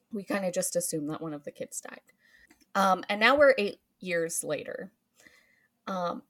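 A woman host casually recapping a film's plot, laughing often and filling with um and like. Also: fairly low pitch. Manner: giggly, frequent ums and likes. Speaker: podcast host recapping a film. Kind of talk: casual chat.

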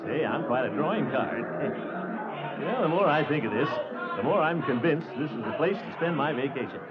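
A man's voice: fairly high pitch, expressive, normal speed, loud music behind the voice, close to an everyday voice. An actor playing a pompous, blustery middle-aged male water commissioner in a 1940s radio sitcom, chuckling often. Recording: dull old radio broadcast, loud hiss.

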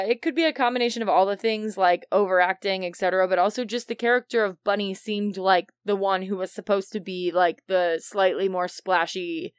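A woman's voice: medium pitch, clear, resonant tone, dry recording, studio quality. A woman co-hosting a casual podcast chat about a film, rambling and trailing off as she thinks aloud. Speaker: podcast co-host.

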